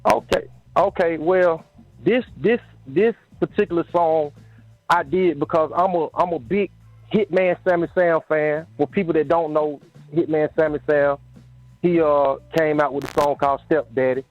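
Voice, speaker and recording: Rapper dude, easygoing, a bit dull and dry sounding, low music under. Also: male voice, moderate pace, no room sound. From Atlanta. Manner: easygoing, affirming with short replies. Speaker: rapper guest. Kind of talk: casual radio interview.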